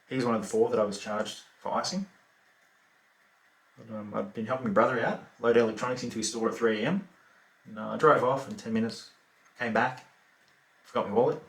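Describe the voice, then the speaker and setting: Remorseless lazy Australian killer, played by a male actor; offhand, laconic delivery with fillers; medium pitch; roomy echo. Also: fairly bright tone, far from the mic, lightly acted. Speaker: actor performing a monologue. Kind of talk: theatrical monologue.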